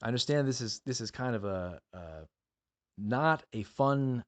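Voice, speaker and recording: This man speaks at medium pitch and a normal speed as a podcast host teaching the Bible. His earnest monologue is emphatic, full of rhetorical questions and repeated appeals.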